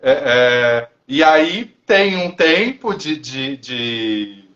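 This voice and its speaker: Halting man on dull lo-fi audio. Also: mid-range voice, animated, a bit bright. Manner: reflective, halting, many fillers and restarts. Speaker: therapist and co-host. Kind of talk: casual live-stream chat.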